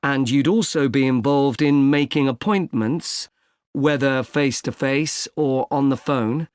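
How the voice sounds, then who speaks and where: A man plays a helpful recruitment agent who talks in a measured, careful way, with a mid-range voice. He spells names out slowly. The recording is dry and close. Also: mid-range voice, clear, resonant tone, no echo, lightly acted. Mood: calm. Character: helpful male recruitment agent, patient and polite. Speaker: employment agency consultant. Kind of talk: scripted exam dialogue.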